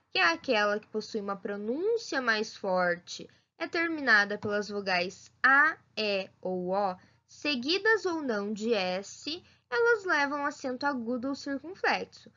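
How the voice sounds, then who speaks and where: A woman giving a children's lesson as a primary school teacher, talking slowly and spelling things out clearly. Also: a little high, bright, forceful tone. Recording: dull lo-fi sound.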